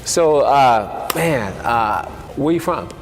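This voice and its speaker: A man's voice: medium pitch, expressive, slow pace, big-room sound, a little hiss or hum. A man hosting a TV interview, greeting his guest and asking questions in an upbeat, friendly way.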